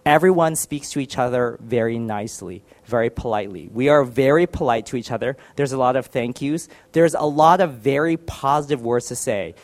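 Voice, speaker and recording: A man's voice: medium pitch, a little mellow. A married man giving a personal faith testimony in a candid, self-deprecating storytelling manner. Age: adult, married.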